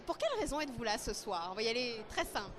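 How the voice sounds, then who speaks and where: High-voiced woman interviewing at a gala. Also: big pitch swings, a little hiss or hum. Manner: brisk, polite questions. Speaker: event interviewer. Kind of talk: red-carpet interview questions. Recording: busy crowd at a gala.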